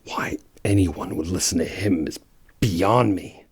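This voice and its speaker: Man as low, brooding Shadow the Hedgehog. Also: breathy edge, no room sound, full character voice. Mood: bitter. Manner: halting, grave, guarded. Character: brooding, bitter, loyal male hedgehog antihero. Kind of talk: audio drama voice acting.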